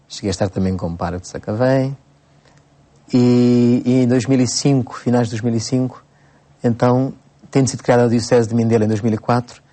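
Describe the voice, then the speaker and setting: A Cape Verdean priest in his forties answering interview questions at an unhurried pace, with frequent hesitations and restarts. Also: medium pitch, warm tone. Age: 40s. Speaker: priest, bishop-elect.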